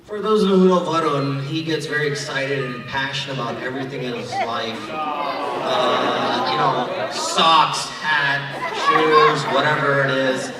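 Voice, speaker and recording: A man's voice: mid-range voice, steady tone, measured pace. A young man giving a joking, teasing wedding toast as a groomsman. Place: hotel banquet hall. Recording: echoey hall from far off, crowd.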